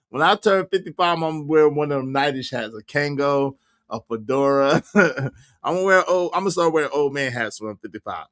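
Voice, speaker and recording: This livestream host, around fifty, keeps things casual as he chats animatedly with his audience, laughing and responding to comments. He has a fairly high, bright voice with a forceful tone.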